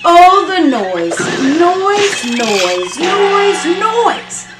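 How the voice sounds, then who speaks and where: A woman with an extremely high voice and big pitch swings reads a children's story aloud, drawing out repetitions and adding dramatic emphasis. The room is echoey, with music and sound effects from an app playing behind her.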